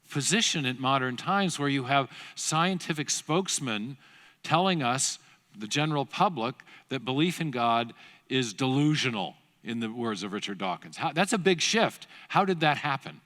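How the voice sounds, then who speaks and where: A middle-aged man gives a lecture-style talk to a church seminar, narrating history like a storyteller. His mid-pitched voice trails into a long reverb from the large hall. He stumbles and restarts now and then, adding quick asides. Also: fairly bright tone. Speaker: guest speaker at a church seminar.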